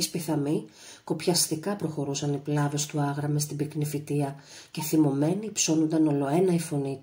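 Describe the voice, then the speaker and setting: A woman reads a novel aloud in a measured, dramatic audiobook voice. Her voice sits very low for a woman, steady and deliberate. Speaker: audiobook narrator. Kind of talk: literary audiobook narration.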